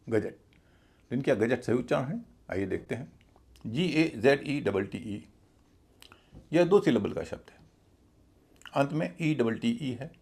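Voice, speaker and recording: A man's voice: mid-range voice, vocal fry, darkish tone, husky. A man teaching English pronunciation in a lecture-style lesson, patiently explaining and spelling words out letter by letter.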